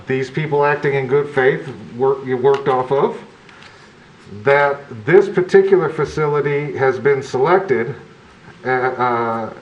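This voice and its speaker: A man speaking through a face mask at a public meeting as a commission member, giving halting, deliberate remarks. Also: mid-range voice, a little hiss or hum. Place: indoor public meeting room. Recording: echoey meeting room, dull muffled sound.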